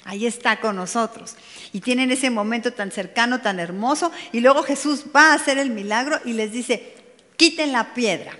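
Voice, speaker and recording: A woman's voice: fairly high pitch, normal speed, sharp tone. A woman preaching to a women's meeting in a conversational way, speaking directly to her listeners with playful asides. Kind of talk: sermon. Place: church meeting hall. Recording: long hall reverb.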